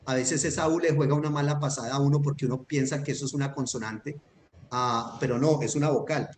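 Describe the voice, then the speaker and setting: A man's voice: medium pitch, steady tone, quick pace, darkish tone. A man teaching a grammar lesson online, patient and methodical, often checking that his student follows. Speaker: Hebrew teacher. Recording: echoey room with faint noise.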